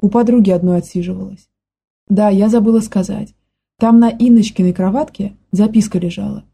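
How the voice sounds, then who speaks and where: Scared young nanny, plain folksy speech, dark husky tone, as read by a woman narrator. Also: medium pitch, steady tone. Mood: distressed telling. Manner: plain folksy talk, quick to panic.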